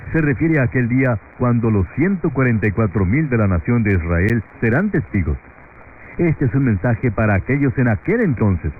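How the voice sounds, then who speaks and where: A man teaching a radio sermon verse by verse, reading scripture in a steady, measured way, heard over a faint, distant AM radio broadcast. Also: mid-range voice. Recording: tinny radio reception with faint static.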